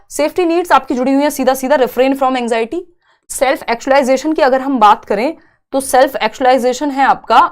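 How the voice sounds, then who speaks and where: A woman teaching an exam-prep lesson in a chatty, reassuring way, mixing into her talk. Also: high-pitched. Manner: chatty, reassuring, mixes Hindi with English terms. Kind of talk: online exam coaching lesson.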